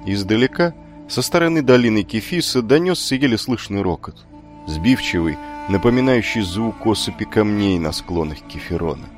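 Deep-voiced male audiobook narrator. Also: expressive, faint music behind. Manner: measured, storytelling.

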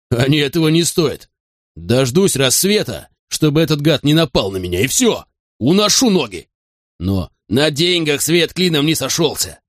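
A man voicing a panicked man on the edge of hysteria, who talks in shrill, frantic bursts. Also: no echo, studio quality.

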